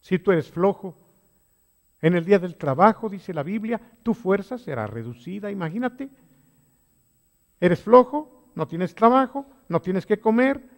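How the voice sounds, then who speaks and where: A man leading a Bible study as a pastor, swinging between quiet low phrases and loud emphatic exhortations. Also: lively intonation, a little slow, vocal fry, big-room sound. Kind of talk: sermon-style Bible study.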